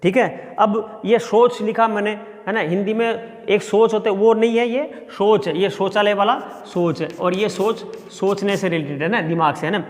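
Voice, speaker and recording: A man's voice: sits high, steady tone, normal speed, hardly any pauses. A middle-aged male sociology professor giving a classroom lecture and explaining step by step with everyday examples. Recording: long reverb.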